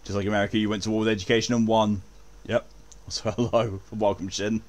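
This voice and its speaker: A man's voice: on the low side, flat delivery, quick pace, a little mellow. A man chatting casually as he streams and comments on a video game.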